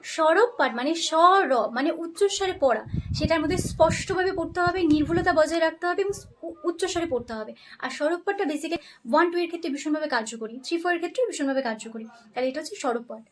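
A young woman teaching a lesson for interview preparation, explaining points briskly and often checking in with her listeners. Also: very high-pitched, slight background noise.

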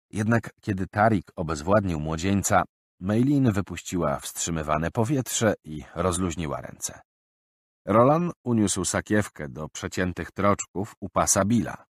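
Low-voiced, expressive male narrator. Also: no room sound, clean studio sound. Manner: expressive, varied reading. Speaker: audiobook narrator. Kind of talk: scripted narration.

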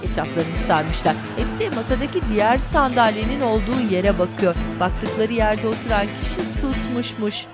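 A woman narrating an audio description in a calm, even way. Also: on the high side, normal speed, hardly any pauses, over loud music.

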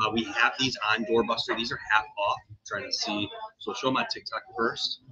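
A man from the shop staff talking casually on a livestream, easygoing and matter-of-fact, his voice picked up by a phone microphone in a loud shop. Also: medium pitch. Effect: tinny phone-mic sound. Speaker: shop staff presenting products. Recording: tinny lo-fi phone-mic audio.

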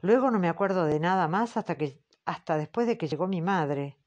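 Timid young female witness, soft and hesitant; voiced by a woman audiobook reader. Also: fairly low pitch, animated, brisk, muffled recording. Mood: fearful. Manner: hesitant, soft, answers briefly. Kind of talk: audiobook character reading.

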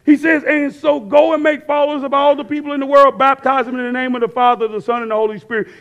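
High-voiced man preaching, loud swings. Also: flat delivery, fast, lo-fi sound. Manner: conversational preaching, rising to shouts, asks the crowd to fill in words. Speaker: pastor. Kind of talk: sermon. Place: church stage with screens and worship band behind.

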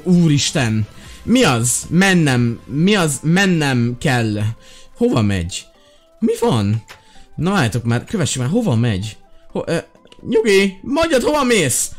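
Male gaming host, higher than average voice with very lively pitch swings, excitable and chatty commentary. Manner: chatty, excitable, talks to viewers directly.

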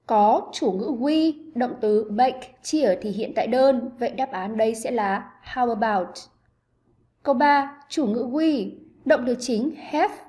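Bright-voiced woman teaching English. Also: on the high side, expressive, takes it slowly. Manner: clear, patient explaining to pupils. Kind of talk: online lesson narration.

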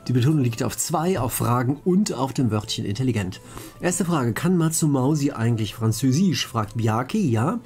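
A man's voice: mid-range voice, expressive, moderate pace, darkish tone. A man hosting a let's play, casually commentating and joking while reading out chat questions.

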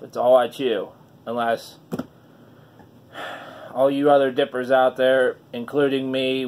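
Man talking with a lip full of dip. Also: medium pitch. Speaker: online dip reviewer. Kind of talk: casual chat to camera. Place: small wood-paneled room indoors. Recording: noisy room recording.

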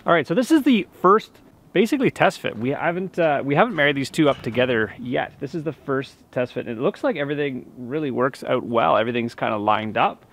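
A man in his thirties, chatting casually as he films himself outdoors in a snowy forest, relaxed and full of fillers and restarts. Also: medium pitch, a little fast. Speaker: homesteading vlogger. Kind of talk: casual vlog narration. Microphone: handheld camera held at arm's length.

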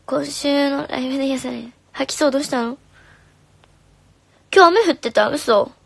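A young woman, a singer, chatting casually on a live stream, reading comments in a soft, friendly way and sometimes whispering. Her voice is slightly hoarse. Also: sits high, moderate pace, dry recording. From Japan. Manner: soft and friendly, drops to whispers now and then. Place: home room. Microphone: phone.

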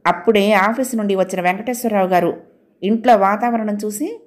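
A woman storyteller reading a novel aloud in a steady, even manner. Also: medium pitch, a little fast. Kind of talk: audiobook narration.

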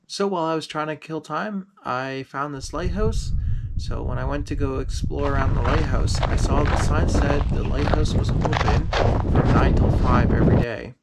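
Gravelly guy doing a laid-back voice-over of his road trip, some ums. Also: on the high side, moderate pace, heavy background noise. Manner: easygoing, storytelling with ums.

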